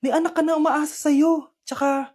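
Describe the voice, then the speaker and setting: A woman doing a kind, supportive friend from a short skit. She sounds high and reassuring, steady and encouraging. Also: normal speed, natural voice. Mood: caring.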